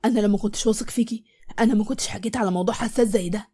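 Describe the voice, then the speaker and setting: A woman's voice: mid-range voice, very fast, warm tone, husky, close to an everyday voice. A woman with an Egyptian accent voicing a young paralysed husband who suspects his wife, speaking in earnest, urgent dialogue for an audio story. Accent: Egyptian Arabic. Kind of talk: storybook voice acting.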